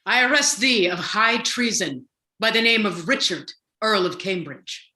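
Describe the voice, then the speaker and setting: A woman playing a stern officer, proclaiming formally and forcefully in a Shakespearean stage style in an echoing room. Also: mid-range voice, lively intonation, a little slow. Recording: roomy echo.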